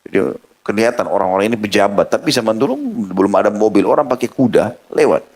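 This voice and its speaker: A man's voice: on the low side, fast talker. A man preaching a sermon, telling a story and acting out the quoted speech of its people. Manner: lively storyteller who acts out quoted speech. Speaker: Islamic preacher.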